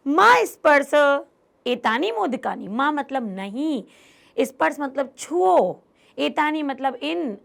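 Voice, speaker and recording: A woman teacher with a high voice explains a Sanskrit text word by word. She reads each line aloud, then translates it, giving the characters' speech a livelier delivery. Her voice has a gravelly, fry-edged texture. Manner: acts out the characters' lines in a livelier voice.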